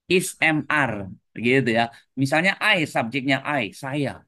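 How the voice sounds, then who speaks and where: A man's voice: mid-range voice, expressive, takes it slowly, pushed and bright, no echo. A man teaching an English lesson to adult learners online, explaining in a mix of two languages and tagging nearly every phrase with a casual "ya". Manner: explains in mixed English and Indonesian, tags phrases with "ya"; repeatedly addresses the class as friends. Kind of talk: online class lecture.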